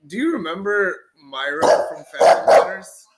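A man's voice: high-pitched, big pitch swings, moderate pace, echoey room, heavy background noise. A man co-hosting a casual podcast, trading crude jokes and laughing often. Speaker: podcast co-host.

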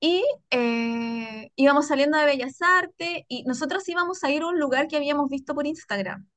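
A Chilean woman telling a story on a casual podcast chat, animated and slangy, laughing often. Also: high-pitched, moderate pace, no echo. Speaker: podcast co-host.

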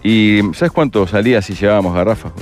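A man's voice: fairly low pitch, faint music behind. A man with a Uruguayan accent, co-hosting a radio show and telling anecdotes in a casual chat among friends. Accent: Uruguayan Spanish. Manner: fast, storytelling.

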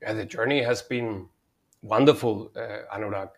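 In a lowish voice with fairly even intonation and a moderate pace, a man from Spain talks about his career as the guest in a conversational interview. He heads a telecom consulting company, and his delivery is hesitant, with many fillers and restarts.

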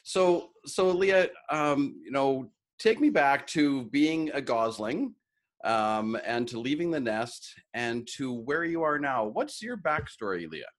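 A man hosts a casual podcast interview with real enthusiasm. His mid-range voice moves a lot in pitch, and he talks with easy filler words. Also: expressive, takes it slowly. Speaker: podcast host.

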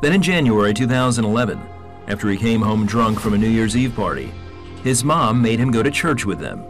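Measured male documentary narrator. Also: lowish voice, lively intonation, soft background music.

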